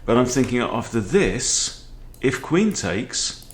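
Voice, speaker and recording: A man's voice: mid-range voice, very animated, slow, a little hiss or hum. A man in his forties giving casual chess game commentary in a conversational way, often checking in with short questions. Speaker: chess video host. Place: book-lined room at home, indoors.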